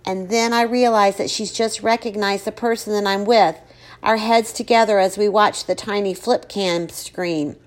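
Woman, audiobook narrator, first-person story, expressive, emotional dialogue. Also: mid-range voice, moderate pace.

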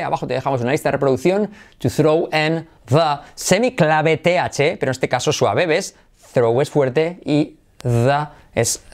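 A middle-aged man from Spain with a Spanish accent, teaching English in a lively, jokey way and switching between English and Spanish. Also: a little high. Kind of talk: bilingual language lesson.

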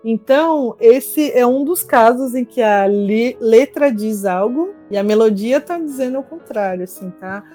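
A Brazilian woman with a voice a little above average pitch answers questions as a music therapist. She explains in a patient, teacherly way. Soft music sits quietly in the background. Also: animated, unhurried, few pauses. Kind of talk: explanatory interview talk.

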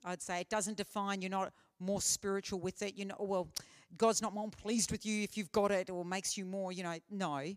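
A woman's voice: mid-range voice, steady tone, normal speed, hardly any pauses. A woman speaker answering questions in a live teaching session, earnest and conversational with frequent fillers. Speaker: conference speaker. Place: conference hall.

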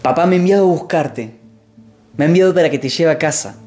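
A storyteller voicing a calm, firm eldest brother who speaks earnestly. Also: medium pitch, fast, soft background music, lightly acted.

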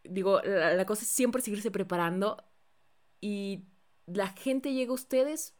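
A woman's voice: mid-range voice, a little mellow. Chatty enthusiastic woman host. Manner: chatty, enthusiastic, quick asides. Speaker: podcast host. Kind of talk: casual podcast interview.

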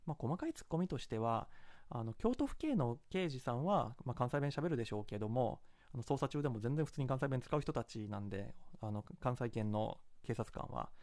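A host from Kansai talks through a film review in a casual, analytical way, often hedging and wandering into asides. The pitch moves a lot and the pace is quick. The recording is dry and close. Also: animated, a little mellow, dry recording. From Kansai, Japan. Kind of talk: casual solo commentary.

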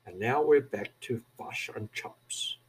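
A Kiwi-accented New Zealand man in his seventies, a vlogger at an aged care facility, rambles through a wry, self-mocking monologue. His lowish, slightly rough voice is expressive and slow, captured in a low-quality recording.

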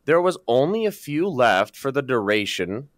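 A man's voice: mid-range voice, very animated, moderate pace, dry recording. A man reads a history script on a casual podcast, his voice rising and falling as he cracks jokes and laughs between lines. He is recorded close up on a dry mic with no room sound. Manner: joking, laughs often, stumbles over the script. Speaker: podcast co-host reading the script.

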